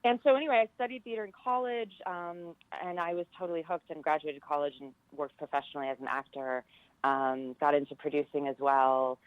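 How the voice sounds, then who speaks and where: Speaking fairly quickly in a low voice, this Californian theater professor and director in her forties is an interview guest sharing casual personal stories. The recording is dry, with narrow, tinny audio.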